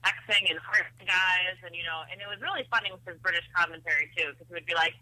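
Over a thin phone line, a female guest with a lowish, pushed, bright voice chats quickly through a story. She laughs a lot and fills her speech with fillers.

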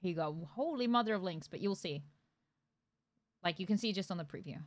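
A woman streamer chatting casually while gaming, excitable and swearing casually. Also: fairly low pitch, a little fast.

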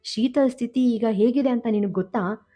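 A woman's voice: fairly high pitch, normal speed, soft background music, lightly acted. A woman doing a fiery young woman scolding. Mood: furious. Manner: scolding, shouting. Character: fiery young woman, protective of her friend. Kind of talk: audio story reading.

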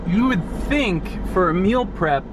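A young man in his twenties who works for a church chats and rambles through a casual vlog, full of fillers, in a high, expressive, unhurried voice. He films first in his car with a dashboard camera, then in his home kitchen with the camera on the counter. The camera mic is distant, and road noise is loud.

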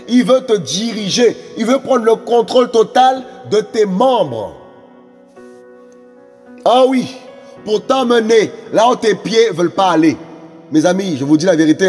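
Fervent high-voiced preacher man. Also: a little mellow, long reverb tail. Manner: fervent, repetitive exhortation with many fillers. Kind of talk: evangelistic sermon.

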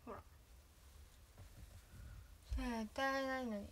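Chatty high-voiced young woman livestreaming. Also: steady tone, slow, a little hiss or hum. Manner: chatty, rambling, trails off into soft asides. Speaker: idol trainee livestreaming. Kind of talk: casual livestream chat.

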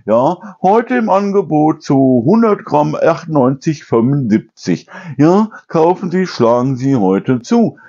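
A man doing a pushy supermarket loudspeaker announcer. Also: big pitch swings, slow, few pauses, dull audio, heavily acted. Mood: pushy, loud. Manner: overblown sales pitch. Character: male supermarket loudspeaker announcer pushing offers.

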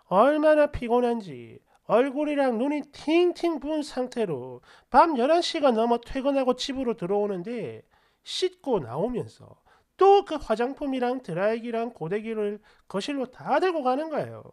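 Woman narrating, lively pitch. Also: moderate pace. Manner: confiding, frustrated storytelling. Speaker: story narrator. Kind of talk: first-person story narration.

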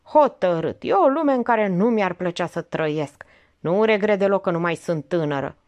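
A woman's voice: fairly low pitch, animated, a little mellow, highs cut off, close to an everyday voice. A woman reading an audiobook, voicing a worldly, scornful elderly aunt who lectures with cutting irony. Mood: sardonic.

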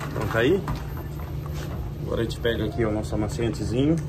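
Inside a self-service laundromat, with noisy ambience around him, a vlogger speaks quickly in a fairly low voice and a Brazilian Portuguese accent. He chats casually to his viewers, narrating his chores as he goes and using plenty of colloquial diminutives.

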